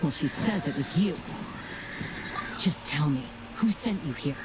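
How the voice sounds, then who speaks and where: Low-voiced stern gunslinger heroine. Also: female voice, expressive, measured pace, very noisy. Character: cool, stern young female gunslinger protector. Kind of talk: video game voice acting. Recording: loud game music behind the voice.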